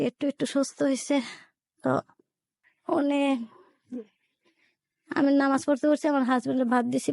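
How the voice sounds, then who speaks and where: A middle-aged woman tells her own life story slowly and haltingly, circling back over her phrases. Her voice sits high with a gravelly fry. The recording is dry and close. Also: darkish tone, no room sound. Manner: halting, repeats phrases, colloquial. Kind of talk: slow personal storytelling.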